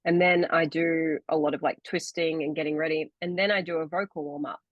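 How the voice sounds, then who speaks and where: A young woman co-hosting a podcast, who also acts, speaks a little fast in a low-pitched voice with fairly even intonation. The video-call audio is lo-fi with no room sound, and she chats casually, explaining at length with many fillers.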